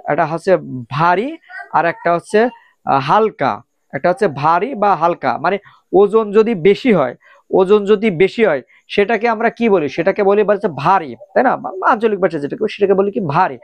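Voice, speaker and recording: A man's voice: sits high, no echo. A man giving a casual video lesson on vocabulary, repeating each word many times with frequent "ah" and "um" hesitations. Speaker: language teacher.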